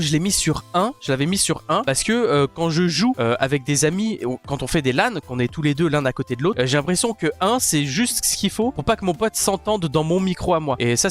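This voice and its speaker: Rapid, foul-mouthed man rambling through a gear review on a headset mic. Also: a little high. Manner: crude, joking, rambling. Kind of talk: casual product review. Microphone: gaming headset mic.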